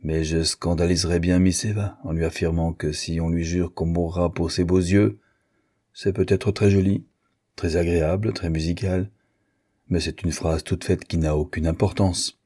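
A man reading an audiobook, voicing an older aristocratic marquise with an ironic, teasing manner and a husky voice. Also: low voice, level tone, moderate pace, mellow. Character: older aristocratic French marquise, witty and worldly.

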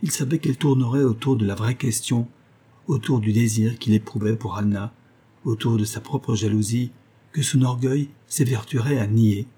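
A man narrating a literary novel in a measured, even reading. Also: medium pitch, slightly rough. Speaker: audiobook narrator.

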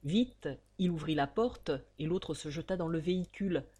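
A woman narrating an audiobook in a measured, expressive way. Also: lowish voice, slightly rough.

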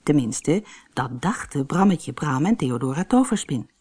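A woman reading a children's storybook aloud with lively, expressive storytelling. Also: low voice, measured pace, a little hiss or hum. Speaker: narrator.

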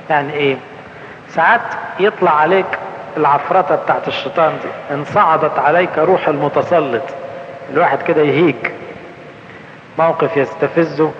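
A high-voiced man with an Egyptian accent delivers a colloquial sermon, putting questions to his listeners and then answering them. He slows down for the scripture quotations. The sound is a little dull and rings through a large reverberant hall. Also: slight background noise. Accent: Egyptian Arabic. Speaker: priest. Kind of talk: conference sermon.

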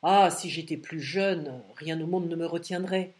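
A woman voicing an irascible, domineering old man who speaks loudly, shouting and sarcastic. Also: on the low side, unhurried, voice pushed down, natural voice. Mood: pleading.

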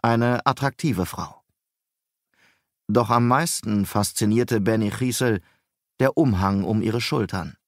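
Male audiobook narrator, measured and even, gravelly tone, dry studio sound. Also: lowish voice, no echo. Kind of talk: scripted narration.

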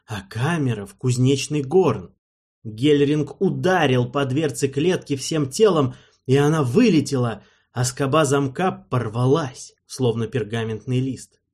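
A man narrating an audiobook in a measured, storytelling manner, with a husky voice. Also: medium pitch, darkish tone.

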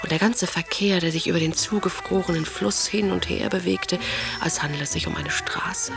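A woman's voice: lowish voice, normal speed, creaky. An actress playing a passionate aristocratic woman writer, reading her letters in an intimate, often half-whispered voice over music. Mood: musing. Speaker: letter-writing lover. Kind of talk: radio drama reading of letters.

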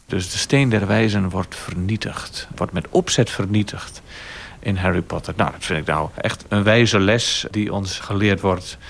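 A man giving reflective radio commentary, speaking thoughtfully with pauses. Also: low voice, vocal fry, a bit bright. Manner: thoughtful, pausing with fillers.

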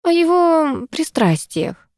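A woman voicing a middle-aged mother who speaks in a flat, cracked, matter-of-fact way in an audiobook. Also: high-pitched, slow, dry recording, studio quality, voice pushed up, heavily acted. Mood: weary.

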